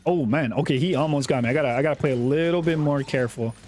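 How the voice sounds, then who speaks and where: A young man giving casual, chatty commentary over his own gameplay, often repeating himself and getting excited. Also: mid-range voice, quick pace. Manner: chatty, self-talking, repeats words, excitable. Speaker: gaming YouTuber.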